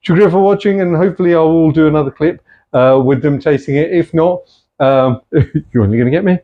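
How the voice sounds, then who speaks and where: This middle-aged man talks a little fast in a fairly high voice while casually cooking at home in his kitchen. He chats easily, dropping in bits of Punjabi-Urdu. The audio is a dull, lo-fi home recording.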